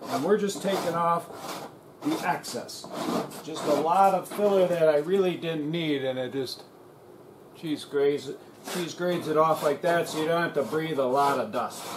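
A man's voice: on the high side, measured pace, noisy background. Man explaining body filler work, roomy. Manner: plain, practical step-by-step explaining. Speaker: auto body repair instructor. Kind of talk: voice-over narration of a shop demonstration. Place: auto body shop.

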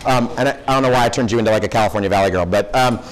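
A young man, a professor, giving a conversational classroom lecture to high school students and peppering them with questions. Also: rapid-fire, poor audio. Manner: conversational, asks the audience lots of questions. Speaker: guest speaker, professor.

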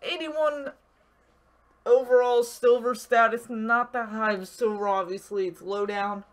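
A man's voice: very high voice, a little slow. Man casually rambling through game commentary. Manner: relaxed, rambling, frequent fillers. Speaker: gaming channel host. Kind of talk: casual pack-opening commentary.

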